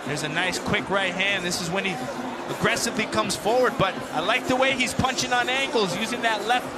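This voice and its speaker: Man, kickboxing color commentary, high pitch, emphatic technical analysis, very noisy arena backdrop. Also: a little fast. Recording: loud arena crowd noise behind. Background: noisy arena crowd.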